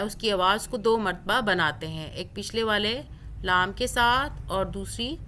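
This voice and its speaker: A woman teaching Quran recitation rules step by step, drawing out the recited words slowly. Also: medium pitch, pushed and bright, a little hiss or hum. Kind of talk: tajweed lesson with recited examples.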